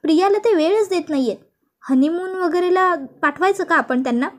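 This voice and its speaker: A woman's voice: extremely high pitch, a little fast. A woman voicing a young daughter-in-law who pleads and persuades. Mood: pleading.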